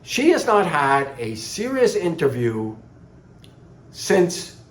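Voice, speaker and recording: Sarcastic man, lively pitch. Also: takes it slowly. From Canada. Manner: sarcastic, scornful, emphatic. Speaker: political commentator. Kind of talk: opinionated monologue. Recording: echoey room.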